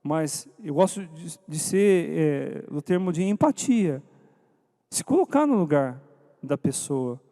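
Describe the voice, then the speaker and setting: Guy giving a church talk to couples, pretty high voice, keeps asking the crowd stuff, long reverb. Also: animated, slow, mellow. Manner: engages the audience, asking questions and calling on people by name. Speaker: speaker at a church couples' meeting.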